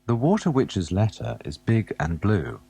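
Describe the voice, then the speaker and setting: Deep, husky man reading a children's storybook. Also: big pitch swings, unhurried, dry recording. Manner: gentle, asks the listener questions and waits. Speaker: narrator of a children's alphabet tape. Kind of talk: scripted storybook narration for young children.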